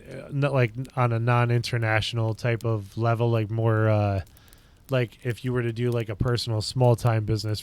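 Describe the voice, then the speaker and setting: A man from upstate New York hosts a casual livestream in a medium-pitched, slightly mellow, clean voice. He chats with viewers and thinks aloud in loose, rambling sentences.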